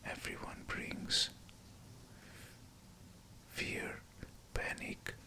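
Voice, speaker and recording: A man whispering a scripted pep talk of affirmations, in short, deliberate phrases. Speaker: guided affirmation narrator.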